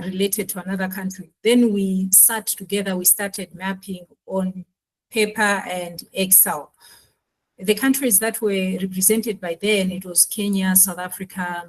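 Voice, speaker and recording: Malawi-born woman panelist, mid-pitched, measured explainer. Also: poor audio. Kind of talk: panel discussion.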